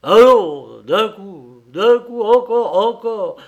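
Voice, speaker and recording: A man doing a gruff old grandfather. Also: a little high, big pitch swings, slow, a little mellow, lo-fi sound, full character voice. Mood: straining. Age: older. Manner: gruff, grumbling exclamations. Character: grumbling old peasant grandfather, gruff and stubborn.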